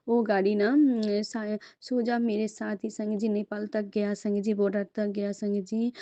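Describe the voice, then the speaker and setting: A woman's voice: medium pitch, mellow, no echo. A woman sharing a devotional testimony and prayer, speaking earnestly and addressing her listeners and guru again and again.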